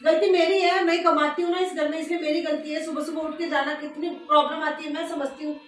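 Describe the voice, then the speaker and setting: A woman's voice: sits high, little pitch movement, fast talker, slight background noise, close to an everyday voice. Woman playing a proud, complaining working daughter-in-law. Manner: sharp, complaining. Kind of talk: amateur home drama acting. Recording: very echoey room, distant mic, faint music.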